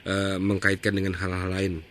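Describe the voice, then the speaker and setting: A man hosting a call-in radio show, brisk and polite, taking callers and restating their questions. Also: deep voice, completely flat delivery, a bit bright, a little hiss or hum.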